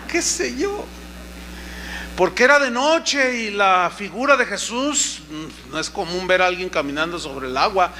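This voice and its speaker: A man preaching a sermon, animated and questioning the congregation, acting out the voices he quotes. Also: high voice, moderate pace, few pauses. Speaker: pastor.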